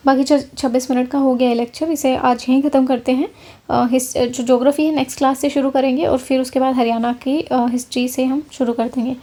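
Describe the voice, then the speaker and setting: High, mellow-voiced woman teaching exam prep. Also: flat delivery, fairly quick. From Haryana, India. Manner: conversational, checks in often with filler words. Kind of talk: casual lecture over slides.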